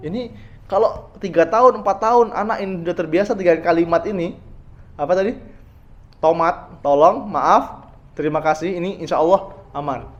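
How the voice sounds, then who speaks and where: A man with a fairly high voice gives a conversational religious lecture. He talks straight to his listeners and asks them questions, swinging between loud stressed points and quiet asides. The recording sounds dull and lo-fi. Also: a little fast, pauses often. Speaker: Islamic preacher.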